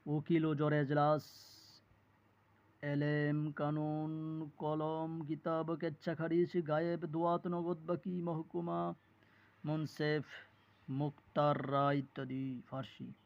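A man's voice: on the high side, flat delivery, slow, vocal fry, long pauses, highs cut off. A man teaching an exam-prep lesson, reading lists of words aloud with small self-corrections. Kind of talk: reading and explaining a word list for exam study.

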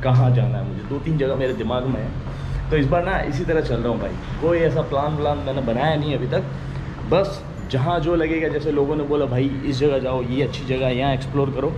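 A man's voice: mid-range voice, a little fast. A young man from India, a travel vlogger chatting casually to camera as he walks through city streets and stations, calling viewers brother. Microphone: action camera held close. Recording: lo-fi camera audio with loud street noise.

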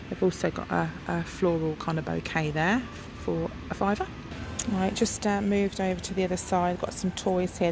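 Holding her phone as she films, a middle-aged shopping vlogger wanders the aisles of a big discount store, talking casually and thinking out loud with lots of ums. Her voice sits fairly low with vocal fry, over a backdrop of noisy shop sounds.

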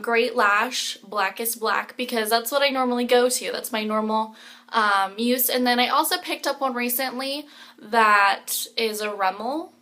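Bright chatty young woman. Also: a little high. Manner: chatty, rambling, many fillers. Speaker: beauty vlogger. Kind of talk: casual chat. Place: home kitchen.

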